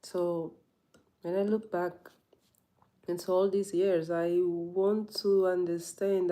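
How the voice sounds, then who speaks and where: A woman yoga teacher in a casual live vlog, talking reflectively in a thoughtful, halting way as she searches for words. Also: lowish voice, warm tone.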